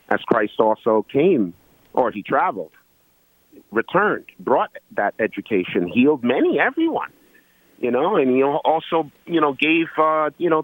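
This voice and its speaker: A man from Guyana, an electrical engineer, calling in to a talk show and making his point earnestly, with many pauses and fillers. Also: medium pitch, no room sound, narrow, tinny audio. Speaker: caller. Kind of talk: call-in radio talk.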